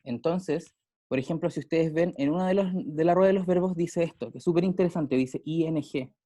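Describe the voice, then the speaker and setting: Chilean guy teaching class, kinda high voice but mellow, keeps asking if everyone's following. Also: a little fast, no room sound. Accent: Chilean Spanish. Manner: explains with everyday examples, checks in with students often. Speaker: English teacher. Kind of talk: casual classroom explanation.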